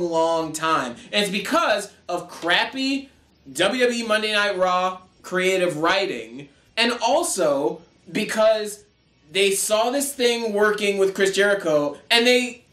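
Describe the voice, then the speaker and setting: A man co-hosting a casual wrestling podcast, talking quickly with bursts of excitement and frequent laughter. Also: high voice. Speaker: wrestling show co-host. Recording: roomy echo.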